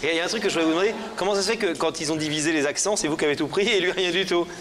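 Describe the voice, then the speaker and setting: A man's voice: on the high side, very fast, crowd noise. A man interviewing guests conversationally as a television host. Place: television studio with audience. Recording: noisy television studio.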